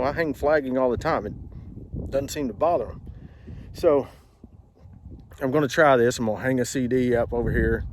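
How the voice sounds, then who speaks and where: Male outdoors vlogger, mid-pitch, plainspoken how-to talk, audible outdoor noise. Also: a little mellow. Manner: plainspoken, repeats advice for emphasis. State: out of breath. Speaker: trapping vlogger. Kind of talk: casual outdoor how-to vlog. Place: outdoors on a farm field.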